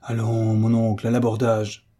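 Audiobook part: cheerful, teasing young soldier, husky and dark in tone, voiced by a male reader. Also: on the low side, normal speed, natural voice. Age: young adult. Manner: lively, teasing, resolute.

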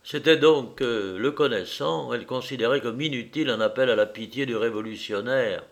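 A man narrating a first-person novel in a measured, expressive reading. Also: medium pitch. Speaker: audiobook narrator.

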